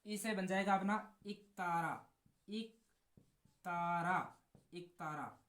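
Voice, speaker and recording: A woman teacher, drawing each word out slowly and saying it again and again so it sticks. Her voice sits a little low. The echoey room rings around her. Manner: slow, drawn-out repetition of words, drilling. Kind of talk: exam-prep lesson with a memory trick.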